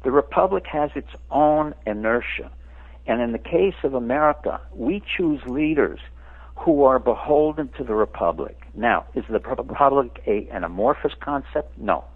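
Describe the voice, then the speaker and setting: A man's voice: mid-range voice, expressive, moderate pace, slightly rough. A man in his seventies who grew up in France, a radio interview guest lecturing in an emphatic way. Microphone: phone. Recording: tinny phone line.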